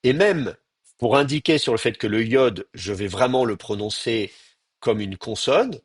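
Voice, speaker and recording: A man's voice: medium pitch, animated, unhurried, slightly rough, no room sound, studio quality. A man from France, giving a university lecture and patiently explaining, with hesitant fillers and spoken demonstrations of pronunciation.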